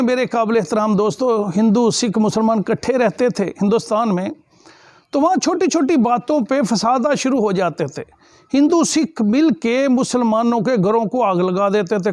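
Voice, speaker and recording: A man's voice: extremely high pitch, darkish tone, no room sound, clean studio sound. A man preaching a sermon and telling a story with emotive, emphatic pleas.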